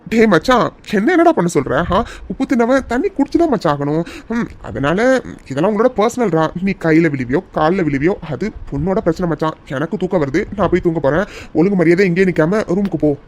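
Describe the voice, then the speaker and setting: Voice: medium pitch, lively intonation, quick pace, lightly acted. A narrator voicing a cheeky young man in a cartoon who mocks and bosses his newly married friend. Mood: mocking. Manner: teasing, bossy, calls his friend machan. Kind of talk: cartoon voice acting.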